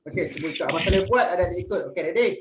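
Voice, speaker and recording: A man's voice: high-pitched, racing. A young man running an online workshop for primary pupils, talking in an upbeat, playful way and leading call-and-response drills. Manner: upbeat and playful, calls himself big brother, leads call-and-response drills. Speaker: workshop facilitator for schoolchildren. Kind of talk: webinar talk to primary pupils. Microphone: online video call. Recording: noisy online webinar audio.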